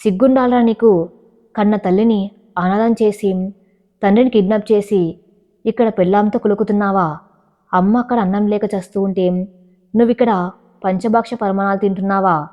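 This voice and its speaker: Woman doing a shrill grasping elder sister, accusing, lo-fi audio-book read. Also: fairly even intonation, normal speed, pauses often, mellow, close to an everyday voice. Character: hot-tempered greedy elder sister. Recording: dull lo-fi recording.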